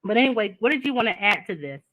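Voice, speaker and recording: A woman's voice: medium pitch, very animated, very fast, a bit bright, no room sound, poor audio. A woman, talking candidly in a casual chat and laughing often.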